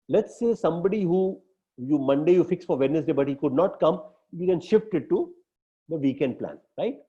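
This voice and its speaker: A man's voice: fairly high pitch, mellow. Emphatic Indian English male coach. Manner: emphatic, repeats tag questions. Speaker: business coach. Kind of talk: coaching talk to a team. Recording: dull lo-fi recording.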